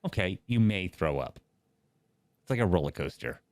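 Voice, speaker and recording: A man's voice: low voice, sing-song, moderate pace, darkish tone, dry recording. A man with a slight lisp co-hosting a casual chat show, rambling and joking. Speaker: co-host.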